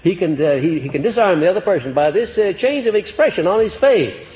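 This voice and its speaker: A man giving a motivational lecture to a live audience, folksy and emphatic, deliberately swinging his voice up and down. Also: high voice, lively intonation, a little mellow, in a large hall, rough recording. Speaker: motivational speaker.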